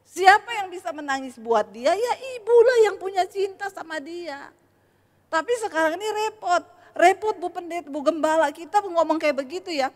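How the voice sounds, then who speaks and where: A woman pastor with a high voice preaches in a loose, joking, conversational way. She keeps turning to address the congregation directly. Her voice rings out with the long echo of a church hall. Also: animated, normal speed. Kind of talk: sermon.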